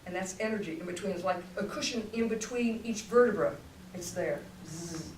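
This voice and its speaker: An older woman teaching voice speaks at a fairly low pitch and normal speed, with a darkish tone. She coaches and demonstrates technique in bursts during a voice masterclass talk, captured distantly in a roomy room with a faint hum.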